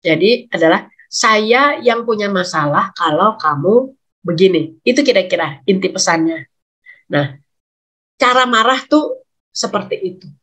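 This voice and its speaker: A woman's voice: medium pitch, animated, a little slow, long pauses, fairly bright tone. A woman speaking on a video call, advising parents in a webinar talk and sometimes acting out child and parent voices.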